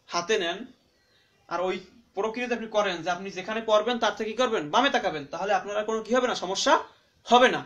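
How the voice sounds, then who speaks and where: A man teaching Quran reading in Bengali, who asks and answers his own questions and spells out letters slowly syllable by syllable. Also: high-pitched, a bit bright. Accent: Bangladeshi Bengali. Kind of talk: spoken classroom-style lesson.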